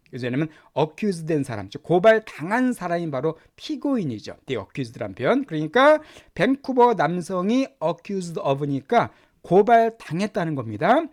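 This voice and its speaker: Lively male English teacher. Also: fairly high pitch. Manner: lively, explains pronunciation by repeating words slowly. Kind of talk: Korean-language English lesson.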